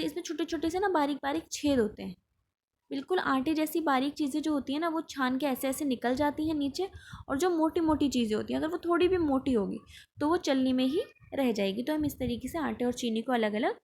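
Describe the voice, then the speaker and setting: A woman's voice: high voice, darkish tone, a little hiss or hum. A woman teaching a science lesson, explaining textbook answers and often checking in with the listener.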